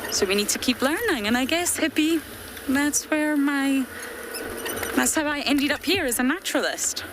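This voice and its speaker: A woman's voice: high voice, moderate pace. A woman from Scotland with a Scottish accent, a safari guide chatting earnestly to viewers during a live game drive. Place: open safari vehicle outdoors in the bush at dusk. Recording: outdoor bush ambience and vehicle noise.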